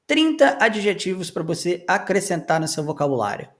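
A man with a Brazilian Portuguese accent hosting a language lesson podcast as an English teacher, saying each English word twice in a slow, deliberate way for listeners to practise. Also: sits high, big pitch swings, fairly bright tone.

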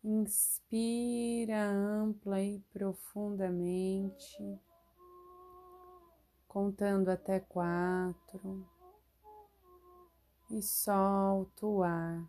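A woman leading a guided relaxation meditation, giving soothing instructions with long pauses. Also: mid-range voice, flat delivery, mellow.

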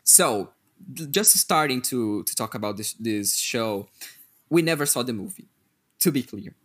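A man's voice: medium pitch, lively intonation, unhurried, fairly bright tone, slightly rough. A man co-hosting a podcast, chatting casually and thoughtfully. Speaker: podcast co-host. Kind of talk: casual chat.

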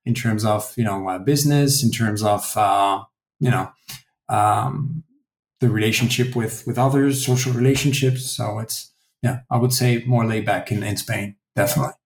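Speaking at a normal pace in a voice on the low side, the forty-something French founder of a translation firm handles interview questions as a guest. He's casual and hesitant, full of fillers and fresh starts, recorded in an echoey room.

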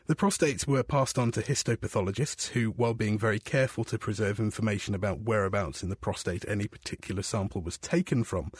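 A British man presenting a scripted science show as host, with a bright, curious manner. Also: medium pitch, husky, no room sound, studio quality.

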